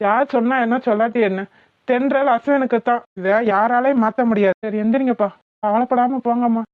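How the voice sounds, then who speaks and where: A woman's voice: on the high side, fairly quick, no echo, close to an everyday voice. A woman voicing a dutiful young adult eldest son in a cartoon, earnest and reassuring, with a southern Tamil Thoothukudi accent. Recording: tinny phone-like cartoon audio.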